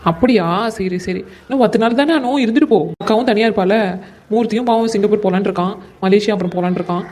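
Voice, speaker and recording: A woman playing a rapid chatty elder sister. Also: mid-range voice, darkish tone, slight background noise, close to an everyday voice. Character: warm-hearted young married woman, emotional elder sister. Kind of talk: animated cartoon voice acting.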